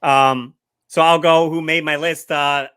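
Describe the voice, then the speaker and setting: A man co-hosts a casual podcast chat with a bright, forceful voice. He rambles, laughs often and sometimes loses his train of thought. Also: a little high, little pitch movement, a little slow, clean tone. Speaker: podcast co-host.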